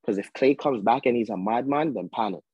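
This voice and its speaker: A man's voice: medium pitch, fairly quick, a little mellow, breathy edge, dry recording, lo-fi sound. A young man in casual sports banter, speaking in a slangy, emphatic, argumentative way as a panelist.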